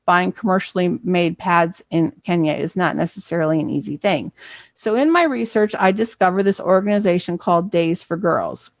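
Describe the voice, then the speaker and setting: A woman's voice: mid-range voice, no echo. A middle-aged woman, a library program coordinator, giving a presentation in a conversational storytelling way and often checking in with "right?". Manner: conversational, asks "right?" for assent.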